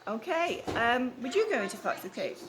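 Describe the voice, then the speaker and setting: Her voice is fairly high and sing-song, moving at a moderate pace as she reads a storybook to young children in a school room. She quizzes them in a teacherly way and echoes back their answers, with background noise filling the live room.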